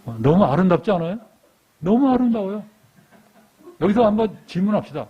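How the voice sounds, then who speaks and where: Man, lay preacher, high husky voice, lively storytelling sermon, dull lo-fi church recording. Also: brisk. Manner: animated storytelling, asks the congregation questions.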